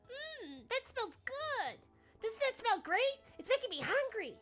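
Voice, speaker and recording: A woman's voice: extremely high pitch, sing-song, a little slow, fairly bright tone, faint music behind, pitched above the performer's own voice, heavily acted. A woman voicing a sweet, hungry small child in game dialogue, childlike and cutesy. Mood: eager, wistful. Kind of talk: video game dialogue read aloud by a streamer.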